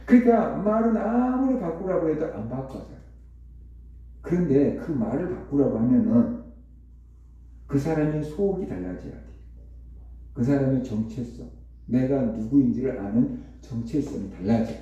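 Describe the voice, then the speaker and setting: A man preaching a conversational sermon as pastor, telling a story with rhetorical questions and lively repetition. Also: mid-range voice, normal speed, pauses often. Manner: repetitive, animated retelling. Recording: echoey hall, distant dull mic.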